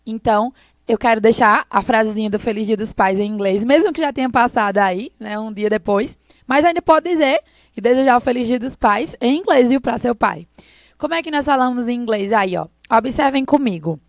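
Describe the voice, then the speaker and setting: A woman's voice: fairly high pitch, no room sound. Patient Brazilian woman teaching a class. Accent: Brazilian Portuguese. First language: Portuguese. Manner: patient, explains slowly, ends with tag questions. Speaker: English teacher. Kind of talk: recorded online class for sixth graders.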